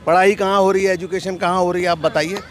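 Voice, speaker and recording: A man's voice: high voice, fairly even intonation, fast, a little hiss or hum. A man on the street mocking the government in a sarcastic tone. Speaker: passer-by interviewee.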